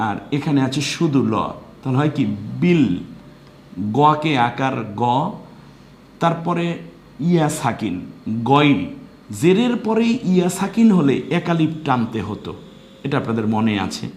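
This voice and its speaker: A man's voice: medium pitch, darkish tone, echoey room. A man teaching Quran recitation step by step, spelling out syllables and explaining pronunciation rules. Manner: spells out syllables slowly, then chants verses drawn out.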